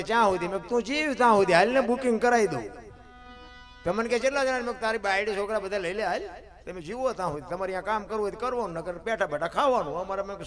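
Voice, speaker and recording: A high-voiced man tells devotional folk stories, dropping to soft talk and then rising into loud, sung-out passages. Guitar and other string music play clearly behind him. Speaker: folk storyteller.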